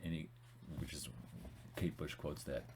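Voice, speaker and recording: A man with a very deep, low-pitched voice talks loosely and conversationally, reading passages aloud from a book along the way. He often restarts his sentences and wanders into asides. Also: steady tone, measured pace, noisy background. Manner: rambling, with frequent restarts and asides. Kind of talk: casual talk with reading aloud.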